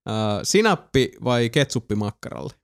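A man's voice: mid-range voice, sing-song. A man hosting a casual chat among friends, reading out would-you-rather questions, laughing and swearing loosely.

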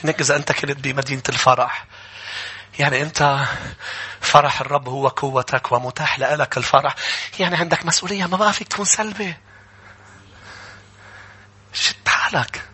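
Speaking fast in a fairly high, husky voice, this Levantine Arabic-accented pastor delivers a sermon to a congregation gathered in church. He drifts between casual remarks and impassioned shouts, urging the crowd to respond.

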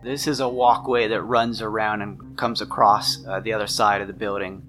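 As game master of a tabletop mystery game, a man narrates conversationally and descriptively over background music. His voice is on the low side with little pitch movement, and he speaks at a moderate pace in a bright, forceful tone.

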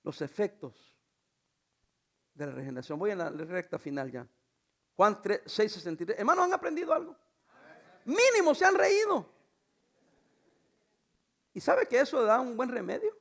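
Brisk and creaky, this middle-aged pastor's notably high voice carries lively intonation through his sermon. He alternates loud calls with quiet asides, throws rhetorical questions at the congregation, and never loses his joking tone.

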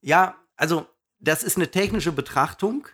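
Rambling, excitable man in casual chat. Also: a little high, normal speed. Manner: rambling, excitable, laughs often, loses his thread. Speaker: podcast co-host.

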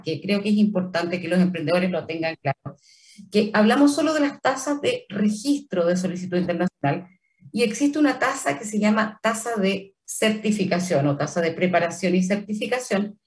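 A woman with a Chilean Spanish accent speaks as a trademark office official in an interview. She explains carefully, pausing on fillers and restarting phrases. Her voice sits a little away from the microphone. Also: medium pitch, distant mic.

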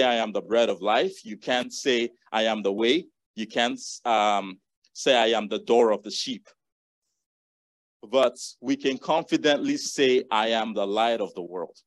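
A man's voice: mid-range voice, no echo. A man preaching a sermon, earnestly reading and repeating scripture verses to the congregation.

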